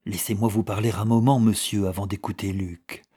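A young peasant wife pleads in an urgent hush, given voice by a man reading aloud. The tone stays dark and husky, with little brightness. It sounds like a storybook read by one narrator. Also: fairly low pitch, moderate pace, lightly acted. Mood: pleading. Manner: urgent and hushed.

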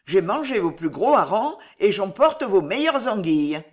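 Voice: medium pitch, very animated, natural voice. A reader voicing a cunning male fox from an old fable who mocks the fishmongers he has robbed and gives orders at home. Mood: mocking. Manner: taunting, brisk and triumphant. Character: cunning mocking male fox, boastful and unafraid.

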